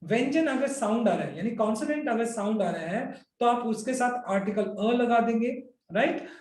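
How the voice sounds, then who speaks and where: A man's voice: very high voice, expressive, normal speed, darkish tone, roomy sound. A man with an Indian accent teaching English grammar to students, mixing Hindi and English and checking often with "right?". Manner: addresses students directly, checks understanding with frequent "right?". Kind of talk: explanatory classroom lecture.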